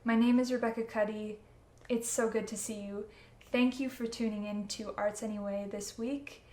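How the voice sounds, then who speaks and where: A woman's voice: a little high, steady tone, moderate pace, mellow. A woman opera singer giving an effusive, casual video message, with many fillers. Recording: echoey room.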